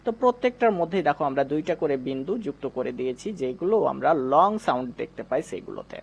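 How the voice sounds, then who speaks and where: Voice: mid-range voice, sing-song, quick pace, vocal fry, lo-fi sound. A teacher giving an online English reading lesson, addressing viewers directly, asking and answering his own questions and repeating vowel sounds for practice. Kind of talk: online lesson with slide explanation.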